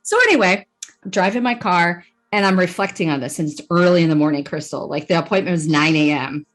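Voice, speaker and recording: A woman's voice: lowish voice, quick pace, a bit bright. A woman hosting a podcast interview, telling a personal story in a chatty way with frequent restarts and laughs. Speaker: podcast host. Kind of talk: casual conversational interview.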